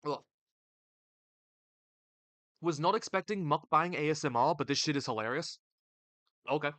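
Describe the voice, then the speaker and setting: A man's voice: a little high, moderate pace, bright, forceful tone, no room sound. A young man live-streaming, casually reading chat aloud and bantering back in a slangy, laid-back way on a desk mic. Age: young adult.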